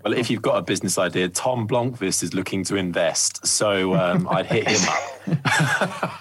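A man's voice: low voice, moderate pace, breathy edge. A man chatting casually as a podcast interviewer. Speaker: podcast host.

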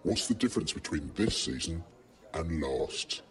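A man asking a guest measured questions on a football podcast. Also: low voice, animated, fairly bright tone, husky. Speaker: podcast interviewer.

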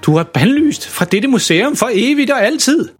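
A man's voice: extremely high pitch, big pitch swings, breathy edge, faint music behind, pitched above the performer's own voice, exaggerated voice. A man voicing a furious female museum director who shrieks and wails in outrage, in a children's audio story. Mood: outraged.

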